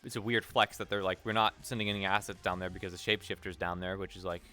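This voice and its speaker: A man's voice: sits low, steady tone, fast talker, bright, forceful tone, soft background music. A man in an in-character roleplay, rambling and swearing with many restarts. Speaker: roleplay streamer.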